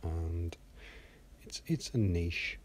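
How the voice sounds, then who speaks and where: A man with a deep, low voice narrates a screen-recorded animation walkthrough. He keeps to a quiet monotone, slipping into a half-whisper. He speaks close to a desk microphone, with faint background noise. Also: drawn-out words.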